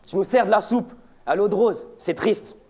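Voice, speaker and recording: A man's voice: sits high, moderate pace, a little mellow. A young man from Belgium spitting aggressive, taunting rap battle verses without a beat. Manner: aggressive, taunting, punchy delivery. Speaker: battle rapper.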